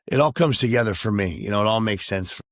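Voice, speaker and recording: A man co-hosting a podcast, talking candidly and emotionally about his own past behavior, halting and self-reflective. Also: fairly low pitch, no room sound. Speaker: podcast co-host. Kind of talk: candid personal conversation.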